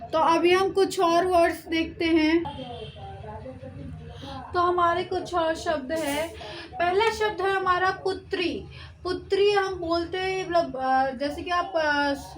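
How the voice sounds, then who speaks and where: A woman teaching a Hindi spelling lesson, breaking words into syllables and repeating each one slowly and carefully. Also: very high-pitched, poor audio. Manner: slow, careful syllable-by-syllable pronunciation drills.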